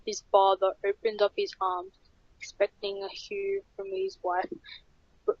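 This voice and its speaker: A woman narrating a horror story in a plain, steady reading voice. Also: medium pitch, unhurried, dry recording. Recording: dull lo-fi.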